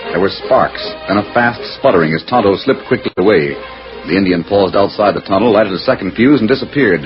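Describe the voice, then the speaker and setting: A man's voice: lowish voice, expressive, fairly quick, faint music behind, close to an everyday voice. A man as narrator, giving dramatic scripted narration for a 1940s radio western, on a muffled old recording.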